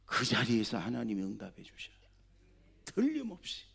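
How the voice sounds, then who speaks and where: A man preaching a Sunday sermon as senior pastor, talking conversationally and often asking the congregation questions, swinging between loud exhortation and soft asides. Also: mid-range voice, moderate pace, creaky.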